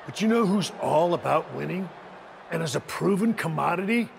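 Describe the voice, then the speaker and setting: In a game cutscene, an actor voices a scheming, condescending leader of a wrestling faction, his delivery measured, stern and gravelly. The male voice sits on the high side and is animated, with a faint hiss or hum underneath. He lectures with scorn.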